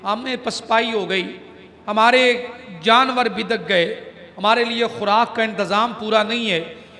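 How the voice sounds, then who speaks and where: Commanding chieftain, voiced by a man preaching, urgent, bright sharp tone, echoing hall. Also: sits high, takes it slowly, heavily acted. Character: commanding male chieftain rallying his men. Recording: long hall reverb.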